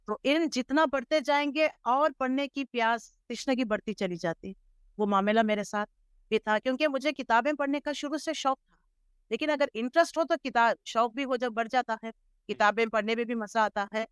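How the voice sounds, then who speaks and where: A middle-aged woman from Hyderabad, India, telling her life story as an interview guest in a measured, earnest way. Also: on the high side, clean tone, dry recording, clean studio sound. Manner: measured, earnest storytelling with English words mixed in. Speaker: interview guest, Islamic scholar.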